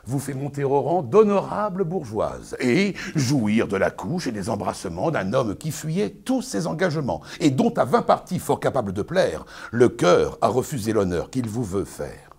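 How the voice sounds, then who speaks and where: A man's voice: mid-range voice, sing-song, moderate pace, creaky, hardly any pauses, darkish tone, breathy edge, full character voice. A man playing a pompous, domineering bourgeois husband, declaimed as hammy classical verse theatre. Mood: stern, condescending. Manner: hammy, declamatory stage acting. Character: pompous, domineering bourgeois master lecturing his young bride.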